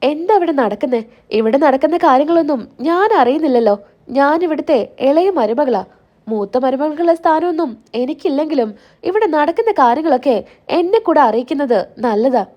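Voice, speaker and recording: A woman's voice: high voice, animated, normal speed, dull audio. A woman voicing an indignant middle-aged mother who protests that she is kept out of family matters. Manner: protesting, reproachful.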